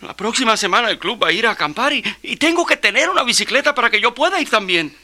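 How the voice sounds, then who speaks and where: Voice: medium pitch, sing-song, fast talker, bright, forceful tone. An actor playing an eager, argumentative schoolboy who boasts and pleads in a children's audio drama. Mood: pleading, eager.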